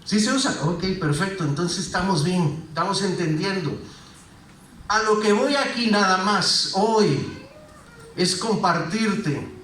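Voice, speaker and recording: A man's voice: high voice, fairly bright tone. A man preaching a sermon as a pastor, engaging the congregation with frequent questions. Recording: roomy echo, voice heard from a distance.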